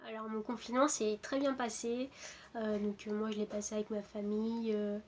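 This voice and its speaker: A woman in her twenties, from Portugal, a footballer introducing herself in a casual, hesitant way with many pauses and restarts. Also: on the high side, level tone. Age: 20s. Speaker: footballer interviewed. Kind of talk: casual self-introduction to camera.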